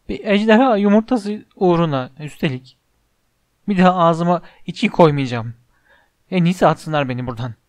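A man voicing a huge, crying, remorseful gamekeeper who blames himself in loud, tearful outbursts. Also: on the high side, no room sound, close to an everyday voice. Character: huge sobbing remorseful half-giant gamekeeper.

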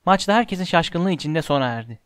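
A man narrating a storybook aloud in a steady, measured reading voice, close to the mic. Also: a little high, clean tone, no room sound. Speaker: audiobook narrator.

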